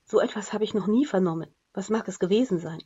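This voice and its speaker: A woman's voice: mid-range voice, quick pace, warm tone, husky. Grave wary chief, read by a woman, puzzled questioning, storybook reading, muffled lo-fi sound. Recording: dull lo-fi recording.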